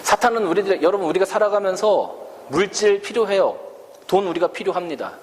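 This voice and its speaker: A male Korean pastor preaches with animated, sweeping intonation and many rhetorical questions. His voice rings through a reverberant church hall. Faint room ambience sits underneath. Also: high voice, a little fast, a little hiss or hum. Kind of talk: sermon.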